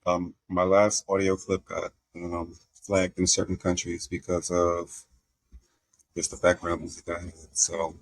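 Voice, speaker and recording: Male host, very deep voice, laid-back rambling delivery, mouth full of candy. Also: measured pace, no echo, low-quality recording. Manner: relaxed, rambling, self-deprecating. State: eating candy with a toothache. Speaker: podcast host. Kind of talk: casual chat.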